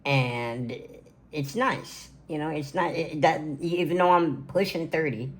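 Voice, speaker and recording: A man's voice: fairly high pitch, a little slow. A man in his twenties talking casually to camera in a birthday vlog from his gaming room, rambling with lots of fillers. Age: 20s. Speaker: content creator. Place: home gaming room, indoors.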